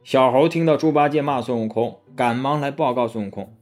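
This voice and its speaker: A man narrating a children's story episode in an expressive way. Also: medium pitch, fairly quick, faint music behind.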